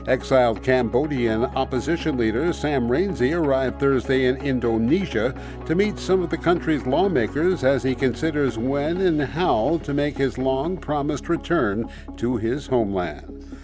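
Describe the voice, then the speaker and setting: A man reading the news as anchor in a measured, formal delivery. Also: mid-range voice, animated, over music. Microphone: studio microphone.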